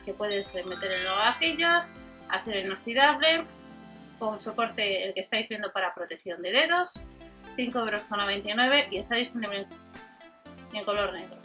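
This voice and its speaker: A woman's voice: on the high side, bright, forceful tone. A woman with an accent from Spain doing an informal product rundown as a channel host, reading out specs and prices item by item. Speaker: host of a shopping video channel.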